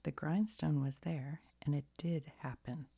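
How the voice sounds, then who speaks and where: Speaking at a measured pace with fairly even intonation, a woman reads a bedtime story ASMR-style. Her deep, hushed, breathy half-whisper carries a gentle storybook quality, and there's no echo.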